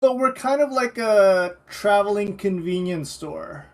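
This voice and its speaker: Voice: mid-range voice, animated, a little slow. A tabletop player talks in character in a breezy, dodgy way, with plenty of "like" and "uh". The voice sits mid-range and casual. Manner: breezy, evasive, with fillers like "like". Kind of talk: in-character tabletop role-play talk.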